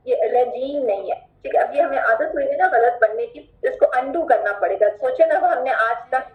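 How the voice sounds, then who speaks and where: A woman teaching Quran recitation in an online class, firm and instructive, who draws out words slowly as examples. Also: high-pitched, reverberant, phone-quality sound. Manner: firm, asks students to pay attention.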